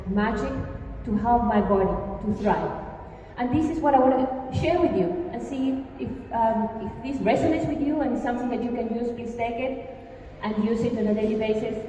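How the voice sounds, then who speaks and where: Here an Argentine woman with a fairly high voice gives a live workshop talk on stage, drawing in the large hall's audience with lively questions. The faraway mic renders the echoey room dully, adding faint ambience and a little hiss or hum.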